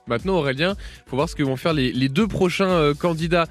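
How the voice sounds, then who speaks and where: A man's voice: a little high, fairly quick. A man hosts a radio quiz. He talks in a chatty, informal way, with music playing under him. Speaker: radio quiz show host. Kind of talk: live radio quiz presenting. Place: radio studio.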